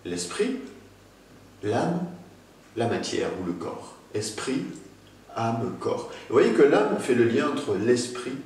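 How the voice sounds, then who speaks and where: A man giving a spoken talk on spirituality, addressing the listener directly with emphatic rises and pauses. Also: mid-range voice, big pitch swings, a little mellow. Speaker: spiritual teacher. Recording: very echoey room, mic at a distance.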